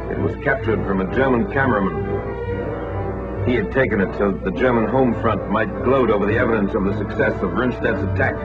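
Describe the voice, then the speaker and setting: A man narrating a 1940s wartime newsreel in a dramatic, emphatic announcer style, with old newsreel sound. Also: fairly low pitch. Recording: dull lo-fi 1940s newsreel soundtrack under loud orchestral music. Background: loud score.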